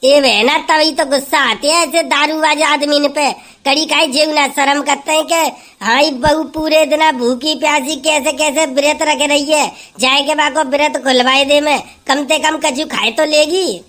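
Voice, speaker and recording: A woman's voice: high voice, fairly even intonation, moderate pace, fairly bright tone. A woman playing a sympathetic village sister-in-law who consoles and advises. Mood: consoling.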